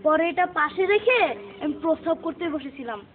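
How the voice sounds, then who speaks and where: A woman's voice: high-pitched, expressive, brisk. A woman, playing a meek, plaintive pupil in a comedy skit. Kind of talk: comic skit acting. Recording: tinny lo-fi audio with faint noise.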